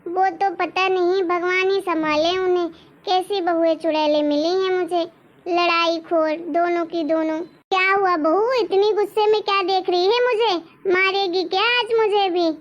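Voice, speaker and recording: A woman's voice: very high voice, fairly even intonation, moderate pace, dull audio. A woman voicing a complaining older mother-in-law in a cartoon story. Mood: scolding. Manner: complaining, scolding.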